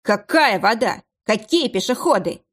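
A woman's voice: fairly high pitch, lively intonation, measured pace. A woman reading aloud and voicing a stern, blustering middle-aged male office boss.

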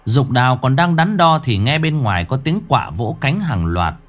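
A man narrating a ghost story in a dramatic, expressive way. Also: mid-range voice, moderate pace. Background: faint background music.

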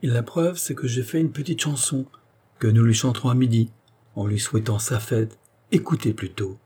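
A man's voice: medium pitch, normal speed, warm tone, slightly rough, natural voice. A man voicing a simple, kindly maidservant who talks cheerfully and earnestly. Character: simple, kindly female servant, eager to please.

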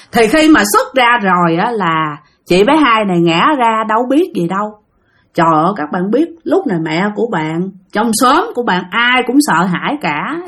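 A woman telling a ghost story, talking straight to her listeners. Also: medium pitch. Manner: animated, addressing listeners directly.

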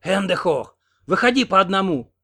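A man's voice: sits high, big pitch swings, normal speed, sharp tone, pitched above the performer's own voice, full character voice. A man reading an audiobook, voicing a feisty old village woman who speaks bluntly. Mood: commanding.

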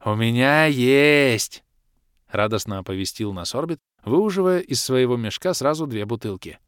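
A man's voice: mid-range voice, lively intonation, smooth, dry recording, studio quality, natural voice. A man voicing a carefree bald male elf who drawls in an audiobook. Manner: drawling, very slow. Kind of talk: audiobook character voice.

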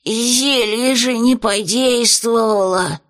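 A woman voicing a cowardly horned male imp with a strained, wheezing voice and drawn-out, pleading words. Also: fairly high pitch, fairly bright tone, pitched above the performer's own voice. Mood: panicked.

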